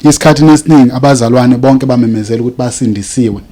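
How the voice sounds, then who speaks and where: A man's voice: mid-range voice, rapid-fire, dark tone. A man with a South African accent and native Zulu, preaching and reading scripture to introduce a lesson.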